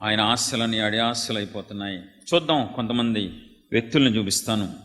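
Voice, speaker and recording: A male pastor preaching a sermon with dramatic swings from hushed to loud and high, in a large meeting hall. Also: a little fast. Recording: echoey hall reverb.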